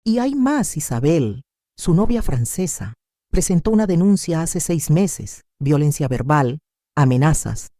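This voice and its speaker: A man's voice: a little high, big pitch swings, unhurried, warm tone, no echo, studio quality. A woman voicing a firm, determined male lawyer. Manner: firm and earnest.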